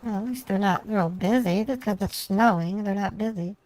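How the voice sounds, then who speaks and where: A man's voice: high-pitched, moderate pace, a little mellow, voice pushed up, lightly acted, rough recording. A man voicing a stubborn, irritated woman customer. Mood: quiet, muttering. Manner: insistent, argumentative, keeps repeating herself. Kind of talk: improvised phone prank acting.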